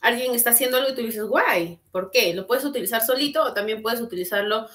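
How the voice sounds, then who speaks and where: A woman's voice: fairly high pitch, fast talker, a bit bright. A woman teaching English in an online class, explaining patiently and checking in with her students through frequent tag questions. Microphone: computer mic on video call.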